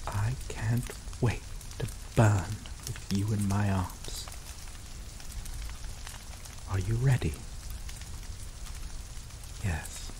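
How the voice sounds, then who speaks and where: In this ASMR roleplay, a young man plays a possessive, obsessive male lover with a voice on the low side. He speaks slowly and softly, dwelling on his words between dark chuckles, sounding both obsessive and tender. Rain keeps up a steady noise behind him.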